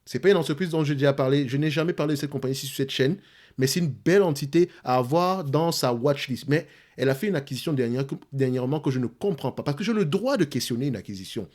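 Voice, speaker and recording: A man's voice: mid-range voice, fast, a little mellow. Man, Cameroonian French accent, mid-range voice; emphatic teacher explaining investing, repeats key points. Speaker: investing channel host. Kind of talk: explaining stock analysis to viewers.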